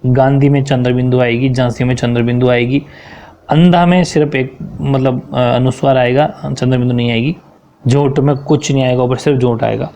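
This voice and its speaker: A man's voice: medium pitch, steady tone, normal speed, warm tone. A man teaching a grammar lesson, explaining corrections one by one and often checking in with his students.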